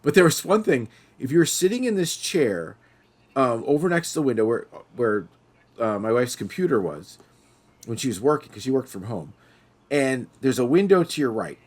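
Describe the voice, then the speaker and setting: Animated middle-aged man telling stories. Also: medium pitch, normal speed. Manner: animated storyteller, acting out quoted voices. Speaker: podcast host. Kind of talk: casual storytelling chat.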